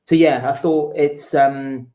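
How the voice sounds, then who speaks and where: A man speaks as a football journalist in an interview. His pitch stays very even, and he explains his views in a measured, conversational style. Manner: measured, explanatory, often says "you know". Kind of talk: casual interview answers, informed analysis.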